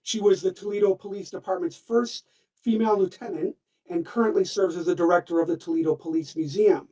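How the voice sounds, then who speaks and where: A man's voice: sits high, a little fast, dark tone. A man hosting an online talk, formally reading a guest speaker's introduction with a few small slips. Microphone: video call. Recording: distant, dull call audio.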